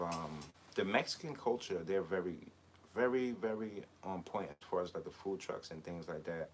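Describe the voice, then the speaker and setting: Deep-voiced man rambling on a live stream. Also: a little hiss or hum. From Barbados. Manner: rambling, with many hesitations and fillers. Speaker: clothing brand designer hosting a live chat. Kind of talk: casual live-stream talk.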